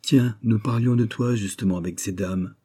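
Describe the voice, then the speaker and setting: A motherly old seamstress coos over a child in a high, affectionate voice, as a male reader puts her on. The tone stays husky and mellow under the lift. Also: fairly even intonation, normal speed, no echo, clean studio sound. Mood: fond. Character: older woman, fussy seamstress, motherly.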